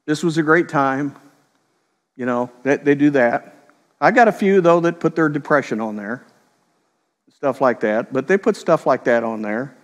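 A middle-aged man preaching a sermon, telling stories in a conversational way and slipping into quick voiced quotes. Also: mid-range voice, in a large hall. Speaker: pastor.

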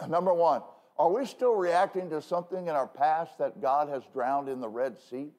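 A male pastor preaching a sermon from the pulpit in a conversational way, full of self-deprecating asides and quick "okay?" checks with the congregation. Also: on the high side, a little mellow. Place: church pulpit.

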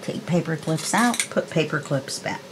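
At her craft desk indoors, a sixtyish woman demonstrates a project in a tutorial, musing aloud with folksy, self-deprecating chatter. She has a low, expressive voice and a moderate pace, and the background is noisy.

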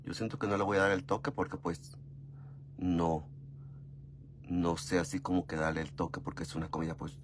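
A vlogger with a Mexican Spanish accent speaks at normal speed with long pauses as he gossips through a casual story, repeatedly calling his listener "mi amor." Though his voice is fairly low, it jumps expressively in pitch and volume as excitement builds, with a faint hum underneath.

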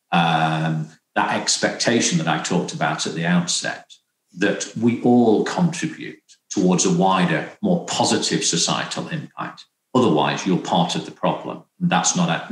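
A middle-aged man talks on a video-call panel from a room at home. His voice sits a little low, and the room adds a clear echo. He speaks earnestly and stresses his points by repeating them. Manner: earnest, emphatic, repeats key phrases. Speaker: panelist, consumer goods executive. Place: home room with stone wall. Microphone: video call webcam. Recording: echoey room on a webcam.

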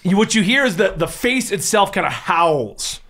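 A man's voice: high-pitched, sing-song, normal speed, a bit bright. A man in his thirties hosting and narrating a tabletop game as game master, in casual banter on a close studio microphone. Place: small studio, indoors. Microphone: close studio microphone on an arm.

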